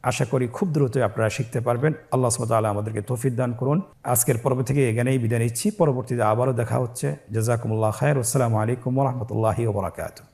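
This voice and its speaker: A man teaching Quran reading, sounding out Arabic syllables slowly for learners to repeat and explaining quickly between drills. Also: mid-range voice, fairly even intonation, a little mellow. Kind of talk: recitation lesson.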